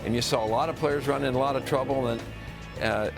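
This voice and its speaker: A man's voice: medium pitch, fairly even intonation, brisk, gravelly. A man speaking as a golf commentator and analyst, explaining play with music behind him. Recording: music bed under the voice.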